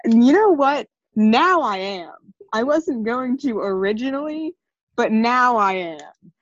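A woman co-hosting a podcast who drops blunt, sarcastic one-liners. Her voice is slightly high and unhurried. Her mic sounds dull and lo-fi, and dry. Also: sing-song, no room sound. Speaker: podcast co-host.

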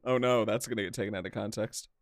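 A man's voice: fairly low pitch, fairly even intonation, quick pace, dry recording, clean studio sound. A man co-hosting a casual gaming podcast, eagerly explaining game features at length. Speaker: podcast co-host. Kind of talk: casual chat.

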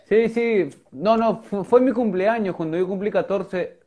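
High-voiced Peruvian man, crude slang. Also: measured pace, darkish tone. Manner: crude, slang-heavy storytelling. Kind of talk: casual chat.

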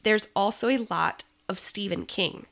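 Chatty woman with a gravelly edge. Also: medium pitch, a little slow, fairly bright tone. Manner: chatty, many ums, laughs easily. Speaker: podcast co-host. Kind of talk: casual chat.

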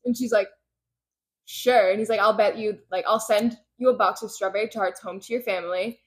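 A woman co-hosting a casual book podcast, retelling scenes with lots of "like" and quick quoted lines. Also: mid-range voice, steady tone. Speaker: podcast co-host recapping a book. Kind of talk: casual chat.

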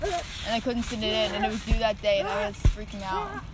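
A woman's voice: mid-range voice, big pitch swings, a little fast. A teenage girl chatting and teasing her friend for a vlog. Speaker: vlog co-host. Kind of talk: casual chat. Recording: noisy background.

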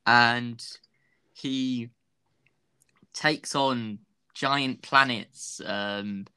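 A man's voice: mid-range voice, drawn-out words, bright, forceful tone, smooth. A young man chatting casually as an interview guest, rambling, laughing and self-deprecating. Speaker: guest, fan video creator.

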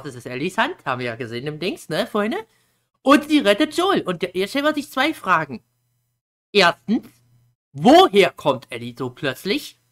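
Woman youtuber, chatty explainer, lively swooping pitch, slangy. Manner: animated, chatty, slangy, acts out quotes. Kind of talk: casual explainer video.

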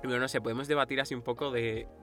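A man's voice: mid-range voice, very fast, soft background music. A young man from Spain co-hosting a casual podcast chat, retelling stories and acting out quotes. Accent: Spain Spanish. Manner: animated storytelling, acting out quotes, frequent laughter. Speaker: podcast co-host.

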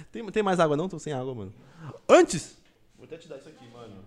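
A man hosting a podcast, chatting casually with playful teasing. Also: fairly high pitch. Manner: playful teasing, laughs often. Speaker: podcast host.

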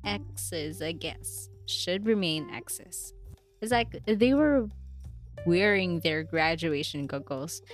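A young woman reads her diary entries aloud in a relaxed vlog. She is chatty and giggly, and she mocks herself between entries. Her voice sits a little low, with faint music behind her. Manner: giggly, chatty, self-mocking asides. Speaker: vlogger reading her diary. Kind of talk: casual diary reading.

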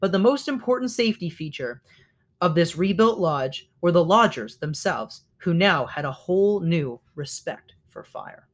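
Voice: medium pitch, animated, moderate pace. A reader reading a children's novel aloud, now and then stopping to correct slips.

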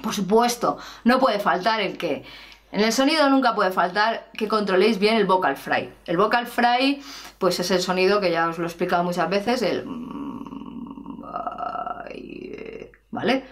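Lively woman teaching singing. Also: medium pitch, moderate pace. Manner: lively, chatty, demonstrates vocal sounds. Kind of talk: casual singing lesson.

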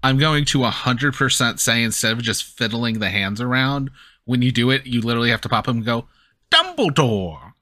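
A man's voice: mid-range voice, fairly even intonation, fairly quick, pushed and bright. A man speaking casually as game master, narrating a tabletop game and calling for dice checks.

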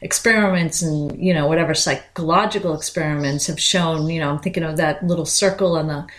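Woman, podcast co-host, slightly low pitch, casual chat, explanatory, run-on conversational sentences. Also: fairly quick.

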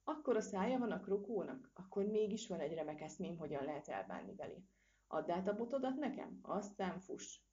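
A woman's voice: on the low side, very animated, warm tone. A woman voicing a bold, clever little male squirrel in a storybook reading, daring and cheeky. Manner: cheeky, daring, quick exclamations. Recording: dull lo-fi recording.

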